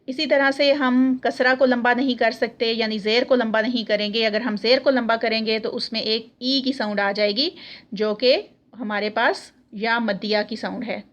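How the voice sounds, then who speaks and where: A woman's voice: a little high, fairly even intonation. Woman teaching Quran letter sounds. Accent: Pakistani Urdu. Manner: slow drawn-out recitation of letter sounds. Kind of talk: recorded Arabic letter lesson.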